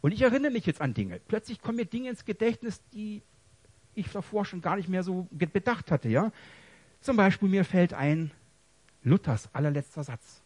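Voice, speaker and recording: A man preaching a personal testimony sermon, dramatic and emotional, swinging between hushed confession and loud pleading. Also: high-pitched, lively intonation, normal speed, no room sound.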